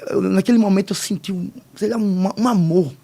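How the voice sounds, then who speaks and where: A man, telling his personal testimony as a podcast guest in halting, emotional speech with many restarts. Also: high-pitched, vocal fry, mellow, breathy edge. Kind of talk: personal testimony in casual conversation.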